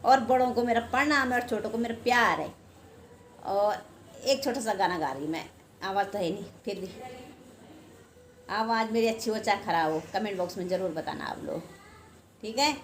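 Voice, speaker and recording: A woman's voice: medium pitch, normal speed, pauses often, slight background noise. An older woman chatting casually to her vlog viewers, rambling and self-deprecating. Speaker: home vlogger. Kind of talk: casual chat to camera.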